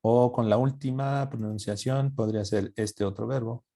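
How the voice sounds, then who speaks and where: A man teaching an English grammar lesson, joking with his students and sounding out English words slowly. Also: mid-range voice, steady tone, dark tone. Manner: spells out English pronunciation slowly.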